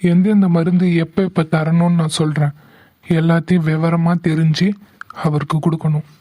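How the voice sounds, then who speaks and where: An actor voicing a kind young male village doctor in an animated drama, speaking calmly and patiently. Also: on the high side, moderate pace, lightly acted. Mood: kind, earnest. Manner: calm, patient, explains steadily. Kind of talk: animated cartoon voice acting.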